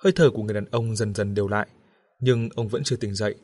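Man narrating a horror story. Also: on the low side. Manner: steady, measured reading.

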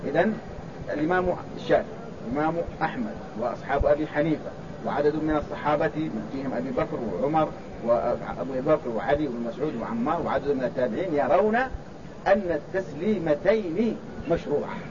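Man, sheikh lecturing, rapid delivery, somewhat high voice, quizzes students, muffled recording. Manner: restates points and quizzes students. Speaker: sheikh teaching a hadith commentary. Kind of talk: classroom lecture. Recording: dull lo-fi sound with loud background noise.

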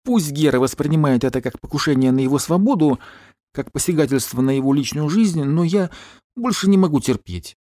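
A man's voice: on the high side, expressive, fairly quick, dark tone, no echo, clean studio sound, pitched above the performer's own voice, natural voice. A man reading aloud and voicing an anxious, emotional young woman who pleads and frets. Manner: pleading, tearful.

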